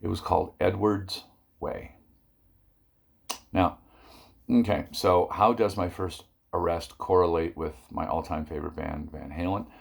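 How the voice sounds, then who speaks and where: A man's voice: low voice, steady tone, a little slow, creaky, pauses often, husky. An older man telling a rambling personal story in a casual vlog, with many fillers and asides.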